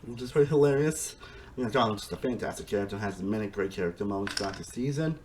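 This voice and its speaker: A man giving a casual, rambling review monologue, excitable, with frequent restarts and swearing. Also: on the low side, rapid-fire, background noise. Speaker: reality TV reviewer.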